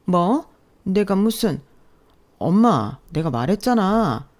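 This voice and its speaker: A woman's voice: medium pitch, very animated, slow, a little mellow. A woman doing a stammering, evasive husband. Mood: flustered. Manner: stammering and defensive. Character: evasive, cornered husband hiding behind his mother.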